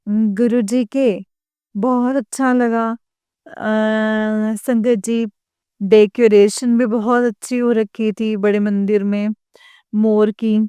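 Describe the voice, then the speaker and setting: A woman sharing a devotional testimony in a halting storytelling manner, often stopping to address her listeners respectfully. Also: on the high side, warm tone, clear, resonant tone, dry recording.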